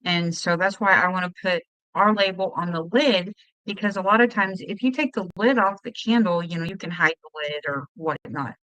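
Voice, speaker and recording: A woman's voice: lowish voice, normal speed, bright, forceful tone, no room sound, poor audio. A woman hosting a casual live stream, chatting in a scattered way and greeting viewers as hun.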